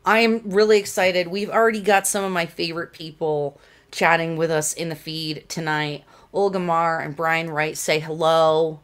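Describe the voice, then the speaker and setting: A woman's voice: low voice, level tone, moderate pace. A woman in her thirties hosting a casual livestream talk show from a small home studio, chatty and greeting viewers by name. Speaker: show host. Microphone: desk condenser mic.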